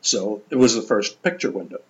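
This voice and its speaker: An older man, a guest in an interview, telling stories in an animated, enthusiastic way. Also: lowish voice, fairly quick, muffled recording. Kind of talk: conversational storytelling.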